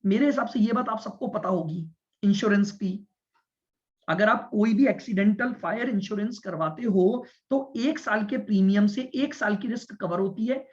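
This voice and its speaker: High-voiced male commerce teacher lecturing. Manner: explains step by step, repeats points and checks understanding with students; speaks deliberately and stresses listening. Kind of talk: classroom lecture. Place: classroom with students. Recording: dull lo-fi lecture recording.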